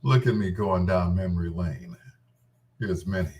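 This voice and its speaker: Recorded on a distant mic, this middle-aged host of his own show tells playful, candid stories from his past, rambling casually and quoting himself. He speaks with a deep, darkish, expressive voice at a moderate pace.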